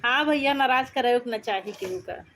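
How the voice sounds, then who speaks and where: A woman's voice: on the high side, normal speed, a bit bright, slight background noise. A woman hosting a live stream, reading viewers' comments aloud and greeting and thanking each one by turn. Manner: friendly, repeats greetings and thanks. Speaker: livestream host.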